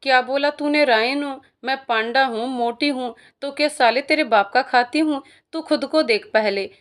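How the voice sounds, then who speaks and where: A woman's voice: sits high, moderate pace, a bit bright. A woman voicing an angry young woman scolding her boyfriend, in a storybook reading.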